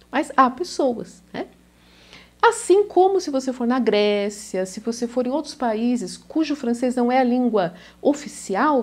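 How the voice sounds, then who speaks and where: A Brazilian language teacher with a São Paulo accent talks casually to camera in a video lesson, often ending phrases with a questioning tag. Her voice is on the high side, a little mellow, with a breathy edge.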